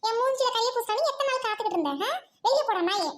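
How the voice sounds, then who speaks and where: A woman playing a brash, defiant young daughter-in-law who scolds and boasts loudly in a comic serial spoof, recorded with background noise. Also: very high-pitched, lively intonation, fast.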